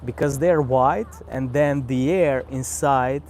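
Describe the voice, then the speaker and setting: A man with a Croatian accent hosting a casual live stream outdoors, relaxed and unhurried, often repeating words as he thinks. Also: mid-range voice, slight background noise. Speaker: cigar channel host. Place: outdoors on a vacation island by the sea.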